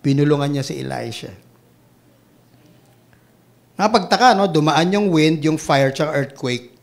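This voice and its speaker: Animated Filipino man preaching. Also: fairly high pitch, measured pace, creaky. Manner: animated preaching, swings between loud exclamations and hushed asides. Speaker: pastor. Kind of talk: sermon.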